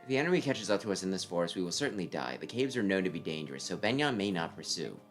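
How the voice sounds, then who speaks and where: A man voicing a grave, calculating young strategist from a game script in formal, measured counsel. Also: low voice, big pitch swings, faint music behind, voice pushed down. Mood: grave, urgent. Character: grave, calculating young army strategist advising his commander. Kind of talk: game script read aloud.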